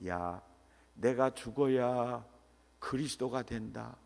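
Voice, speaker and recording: A man voicing Jesus as a resolute teacher, speaking slowly and solemnly. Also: mid-range voice, creaky, darkish tone. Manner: slow and solemn. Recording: echoey church hall.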